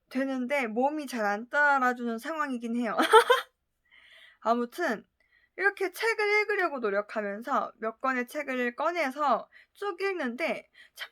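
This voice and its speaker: A woman's voice: high voice, fairly bright tone. A woman preaching to a church youth group in a casual, chatty way, often asking the listeners questions. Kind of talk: casual sermon to teenagers.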